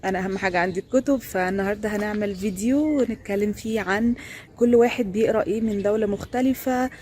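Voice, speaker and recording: A woman's voice: mid-range voice, darkish tone, a little hiss or hum. A young woman with an Egyptian accent hosting a casual vlog, chatting and introducing the interviews. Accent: Egyptian Arabic. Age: young adult. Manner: chatty, fast, friendly greeting. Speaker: host.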